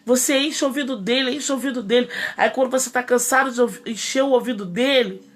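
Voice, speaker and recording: A woman's voice: on the high side, quick pace. A woman in her thirties with a Brazilian accent, a pastor preaching an impassioned, indignant sermon in rising bursts. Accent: Brazilian Portuguese. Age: 30s.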